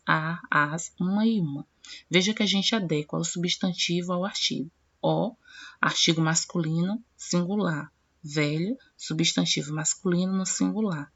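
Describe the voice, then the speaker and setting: A woman teaching a grammar lesson, explaining rules step by step, slowing down to read out example words and addressing her students directly. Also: on the low side, husky. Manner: explanatory, reads word pairs slowly and addresses students directly. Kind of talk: classroom-style grammar lesson. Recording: dull lo-fi recording.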